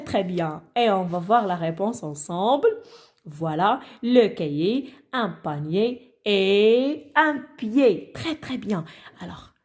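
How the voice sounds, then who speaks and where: A woman's voice: on the high side, darkish tone. Patient woman teacher praising children. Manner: patient, praising, asks and answers her own questions. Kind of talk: reading lesson for children.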